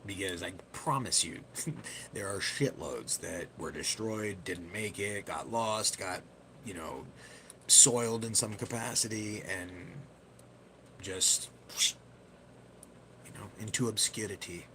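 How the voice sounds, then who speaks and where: A man's voice: fairly low pitch, slow pace, rough recording. A man hosting a casual livestream, rambling loosely and poking fun at himself. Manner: rambling, self-deprecating, loose. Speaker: livestream host. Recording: steady background hiss.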